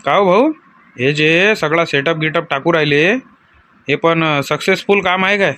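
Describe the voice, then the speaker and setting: Bit part: woman voicing a hesitant middle-aged village man, lowered voice. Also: normal speed, fairly bright tone, slight background noise. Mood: curious.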